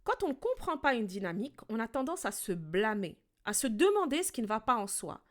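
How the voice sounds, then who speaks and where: A woman coaching her listener through a podcast monologue, her voice sitting a little high and moving animatedly up and down. She sounds calm and direct, and addresses the listener one-on-one. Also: fairly quick. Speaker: podcast host and relationship coach.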